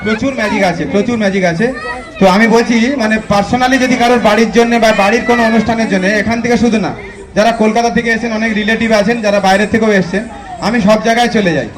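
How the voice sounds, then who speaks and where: A man's voice: high-pitched, fairly even intonation, very fast, a crowd in the background. A man with a West Bengal accent doing live magic show patter, chatting to the audience like a kids party magician. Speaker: stage magician. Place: live club function stage. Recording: echoey live PA with music.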